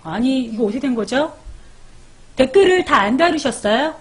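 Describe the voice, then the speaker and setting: A woman's voice: high-pitched, lively intonation, moderate pace, husky. A woman hosting a live parenting stream, chatting casually as she reads viewer comments, calls out their names and gives baby sleep tips.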